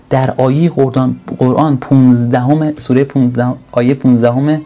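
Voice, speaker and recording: Male preacher, warm gravelly voice, earnest sermon delivery that swells into slow emphatic peaks. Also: medium pitch. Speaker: religious speaker.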